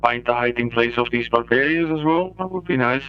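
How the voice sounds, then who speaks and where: A man streaming a game, talking in a halting, casual way through a bitcrushed eight-bit robot voice filter. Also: mid-range voice, dull audio, faint music behind. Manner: halting, with many pauses. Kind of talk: casual gameplay commentary.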